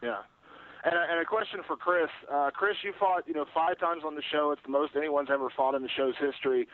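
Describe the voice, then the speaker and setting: Quick-talking male reporter on a phone. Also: fairly high pitch, steady tone. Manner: long, wordy questions. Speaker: reporter asking questions. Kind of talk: conversational press questions. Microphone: telephone. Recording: dry narrow telephone line.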